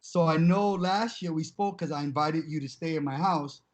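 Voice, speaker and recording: Man, co-host, somewhat high voice, animated storytelling, casual chat. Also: normal speed, a little hiss or hum. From Brooklyn, New York. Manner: animated storyteller, many restarts.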